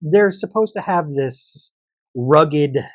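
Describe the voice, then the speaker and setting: Opinionated man, a bit high, dry sound. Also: lively intonation, slow, no echo. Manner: opinionated, laughs often. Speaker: podcast co-host. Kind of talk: casual chat.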